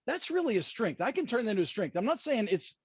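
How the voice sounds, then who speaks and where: A West Virginia man with an Appalachian accent hosts a podcast, conducting a conversational interview in a rambling, folksy manner and correcting himself as he goes. His voice is high-set, husky and fast, with big swings in pitch. The lo-fi audio sounds dull and muffled, with no room sound.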